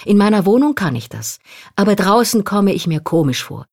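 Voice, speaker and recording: A woman's voice: mid-range voice, sing-song, moderate pace, darkish tone, husky, pitched above the performer's own voice. A woman reading aloud voices her worried, hesitant older mother in a slightly raised voice. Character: anxious older Polish grandmother speaking German.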